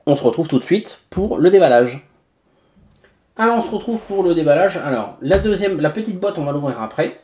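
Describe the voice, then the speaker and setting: Mellow-voiced man in an echoey room. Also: a little high. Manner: chatty, many fillers and asides to viewers. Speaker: tech reviewer host. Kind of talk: casual unboxing review. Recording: echoey room, faint background noise.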